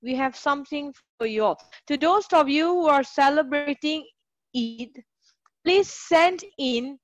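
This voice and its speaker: A high-voiced woman tutor runs a live online English lesson, cheering her students on with quick praise. Her voice is close and dry, caught on a computer mic with no room sound around it. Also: expressive, dry recording, highs cut off. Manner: upbeat, encouraging, praises students often. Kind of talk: live online class teaching.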